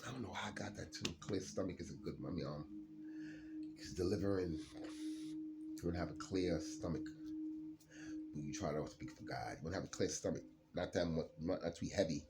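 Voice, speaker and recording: A man's voice: low-pitched, normal speed, long pauses, heavy background noise. A man doing a late-night solo card reading, rambling and laughing often as he drawls through his thoughts. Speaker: card reader.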